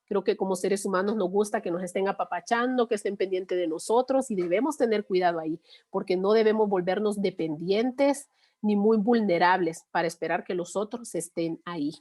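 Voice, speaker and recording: A woman's voice: medium pitch, fairly quick, a little mellow. A middle-aged woman, an instructor explaining a topic through everyday examples in a patient, conversational way, often checking in with listeners. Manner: patient, conversational, frequent 'eh' and '¿no?'. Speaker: course instructor.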